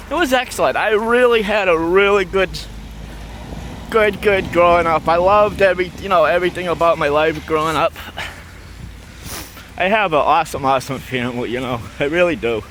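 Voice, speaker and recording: High-voiced man rambling while walking. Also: normal speed, long pauses, fairly bright tone, a little hiss or hum. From Massachusetts. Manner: rambling, repetitive, affectionate storytelling. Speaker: vlogger. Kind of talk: rambling personal vlog. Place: outdoors on a city street.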